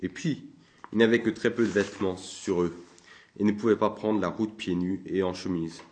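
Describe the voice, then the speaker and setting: A man reading a novel aloud in a steady, even narration. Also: sits low, normal speed, slight background noise. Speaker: audiobook narrator. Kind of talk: scripted narration.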